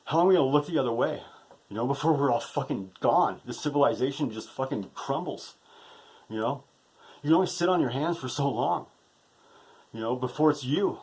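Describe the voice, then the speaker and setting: A man's voice: medium pitch, expressive, fairly quick, darkish tone, slightly rough. A shaken man delivering an impassioned, profane monologue to camera, often ending phrases with a tag question. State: emotionally shaken. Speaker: vlogger.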